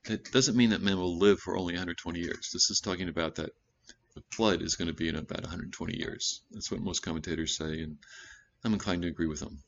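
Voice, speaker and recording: A male pastor giving a conversational sermon, breaking into loud emphatic bursts and correcting himself as he goes. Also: deep voice, quick pace, muffled recording, a little hiss or hum. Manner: animated preaching with sudden loud emphatic bursts; conversational asides and self-corrections.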